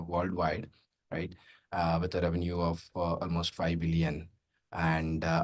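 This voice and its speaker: A man's voice: low voice, darkish tone. A man giving a conference talk over a video call, loose and full of filler sounds. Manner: loose, many filler sounds and tag questions. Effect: heard over a video call. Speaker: guest speaker.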